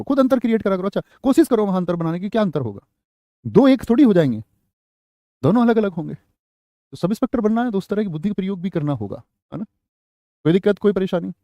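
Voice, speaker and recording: A man's voice: sits high, dark tone, no echo, clean studio sound. A young man teaching a Hindi grammar class for exam students, quizzing them with repeated questions and calling them brother and friend. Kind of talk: online exam-prep class lecture.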